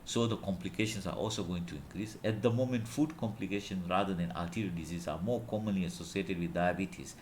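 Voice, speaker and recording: Tanzanian guy, pretty low voice, giving a conference talk, bit halting, little hiss behind. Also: a little mellow. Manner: measured, halting, with restarts. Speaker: conference speaker. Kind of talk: lecture. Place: at home or office, recording remotely.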